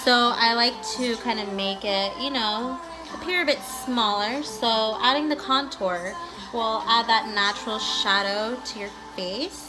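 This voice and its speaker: Music plays clearly behind a woman with a fairly high voice. She talks like a beauty vlogger walking viewers through a tutorial, casual and chatty. Her manner is bubbly and gushing, with playful sing-song touches. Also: measured pace, rough recording. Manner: bubbly and gushing, with valley-girl style "like" and "guys"; playful, breaks into sing-song bits and exclamations.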